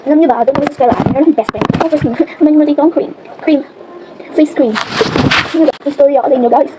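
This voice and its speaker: A Filipino woman with a high voice chats quickly and rambles through a get-ready-with-me vlog. Clear background noise fills the room behind her. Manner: chatty, rambling, many fillers. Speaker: vlogger. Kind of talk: casual get-ready-with-me chat.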